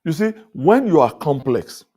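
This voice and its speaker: A man giving a sermon-style leadership talk at a conference. He speaks animatedly, chuckles between points, and his pitch climbs high when he drives a point home. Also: sing-song, normal speed, warm tone, husky. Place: conference hall.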